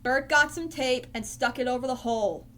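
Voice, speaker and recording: A woman reading a children's storybook aloud in a slow, clear storytelling manner. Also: high-pitched, sharp tone, a little hiss or hum. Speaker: storybook reader.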